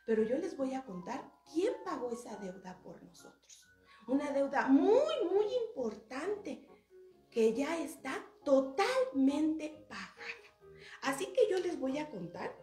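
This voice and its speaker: A woman tells a Bible story to children as their church teacher. Her voice is high and swings widely as she asks them questions. The echoey room carries a faint music bed. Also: sing-song, unhurried, darkish tone.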